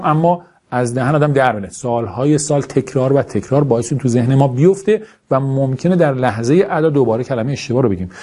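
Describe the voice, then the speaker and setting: A man introducing his online course in a slow, deliberate lecture. His voice is dark, mellow and a little husky. He does not articulate some sounds quite cleanly, and he keeps dropping informal, self-deprecating remarks. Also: medium pitch. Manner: deliberately slow, careful speech.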